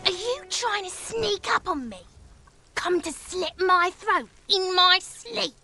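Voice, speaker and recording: A woman's voice: very high voice, takes it slowly, sharp tone, full character voice. A woman playing a hostile, paranoid, foul-mouthed video game character, accusing and agitated. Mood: suspicious. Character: hostile, paranoid foul-mouthed resident who distrusts police.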